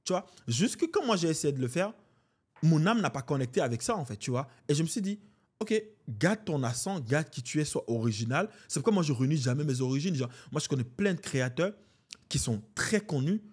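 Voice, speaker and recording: A man's voice: on the high side, fast, breathy edge. A man in his twenties from Benin with a Beninese French accent, chatting casually as a podcast guest and leaning on "en fait, tu vois". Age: 20s. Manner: animated, slangy, repeats "en fait, tu vois".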